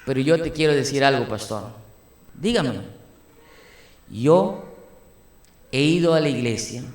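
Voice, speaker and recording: A man's voice: medium pitch, lively intonation, a little slow, close to an everyday voice. Guy quoting a stubborn churchgoing mom saying no, polite but firm, echoey room. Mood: firm refusal.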